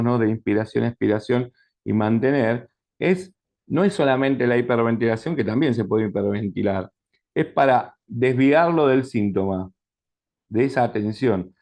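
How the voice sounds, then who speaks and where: A man's voice: medium pitch, darkish tone. A man with an Argentine accent teaching a class in a conversational lecture, often checking that students follow. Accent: Rioplatense Spanish. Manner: conversational, asks the class frequent check questions.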